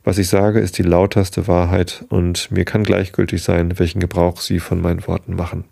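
A man reading the lines of a calm, grim male prisoner who is dying, in a deliberate tone. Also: low-pitched, vocal fry, husky, dry recording, clean studio sound, full character voice.

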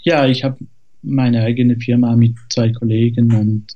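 A man's voice: medium pitch, flat delivery, a little slow, dark tone, muffled recording. A man from France with a French accent, speaking German as a guest on a casual podcast, hesitant with many fillers and restarts. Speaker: guest, software developer.

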